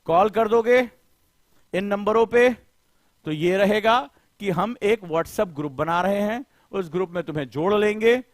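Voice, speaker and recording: Coaching teacher guy, high voice, fired up, asks students question after question, dry close sound. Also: unhurried, no echo. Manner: impassioned, rhetorical questioning; colloquial, addresses students directly. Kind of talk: live online lecture.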